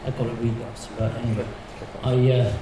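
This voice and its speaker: A man's voice: medium pitch, flat delivery, a little fast. A man from the South Wales Valleys with a Valleys accent, talking informally as a candidate at a hustings. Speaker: election candidate. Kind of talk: informal answering at a public hustings. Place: indoor public meeting hall. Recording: very echoey, distant, noisy hall.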